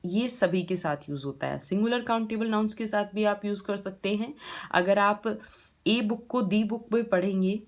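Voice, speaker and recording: A woman's voice: medium pitch, moderate pace. A woman with an Indian accent teaching English grammar step by step in a patient classroom style, asking rhetorical questions as she goes.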